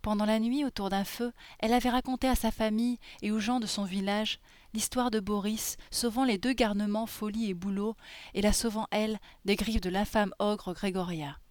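A woman reading a fairy tale aloud in a soft, gentle storytelling manner. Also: mid-range voice, fairly even intonation, normal speed, no echo.

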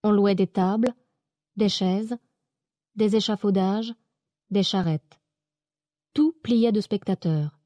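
Woman, warm mellow voice, calm audiobook narration, dry close sound. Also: mid-range voice, takes it slowly, pauses often, no room sound. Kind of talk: audiobook reading of a classic novel.

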